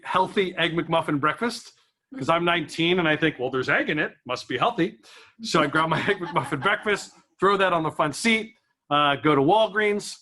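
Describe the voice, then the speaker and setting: Bright, high-voiced stand-up comedian. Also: male voice. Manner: self-deprecating, animated storytelling with acted-out inner voices. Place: small event room with a live audience.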